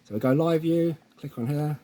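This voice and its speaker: His voice sits a little high and sounds mellow, moving at a moderate pace. He's a man presenting informal, hands-on installation tutorials, frequently checking in with his audience.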